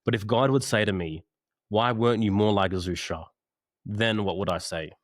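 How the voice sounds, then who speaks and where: A man's voice: lowish voice, moderate pace, no room sound, clean studio sound. A man, a podcast guest, talking earnestly over a video call and telling a parable in casual conversation. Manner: earnest, storytelling.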